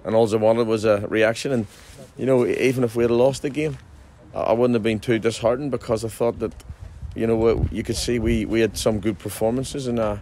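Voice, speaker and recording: A man's voice: mid-range voice, steady tone, a little fast, few pauses, warm tone, slight background noise. A man in his forties, a football manager, giving a chatty post-match interview outdoors at a ground at night, restarting sentences often. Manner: chatty, frequent restarts and fillers.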